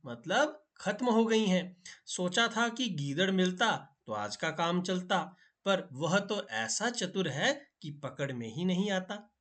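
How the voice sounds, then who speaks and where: A man's voice: high-pitched, fairly bright tone. A man teaching a primary-school textbook story, reading it aloud and explaining punctuation with homely asides.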